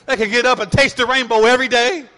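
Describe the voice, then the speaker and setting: A man's voice: extremely high pitch, fast talker, big-room sound. A middle-aged man preaching a sermon as pastor, telling stories and acting out his kids' voices. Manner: animated storytelling, acting out voices of kids.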